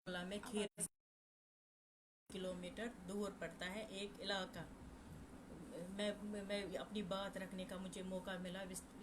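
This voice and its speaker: A woman from Kashmir giving halting personal testimony as a guest, often repeating and restarting her phrases. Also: mid-range voice, noisy background. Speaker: guest recounting a massacre.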